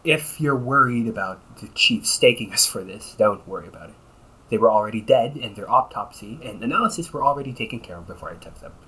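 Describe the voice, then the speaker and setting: Sharp-toned and animated, a man's mid-range voice runs a little fast as he plays a weary, cocky vampire brother who is centuries old but sounds young. He explains things casually in a one-sided roleplay dialogue, grumbling sarcastically and chuckling often. The audio quality is poor.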